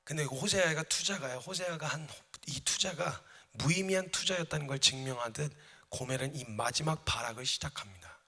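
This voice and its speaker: A man's voice: fairly high pitch, brisk, hardly any pauses, sharp tone. A man preaching a sermon as a missionary, emphatic and dramatic, addressing the congregation in a church. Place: church sanctuary. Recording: reverberant church hall.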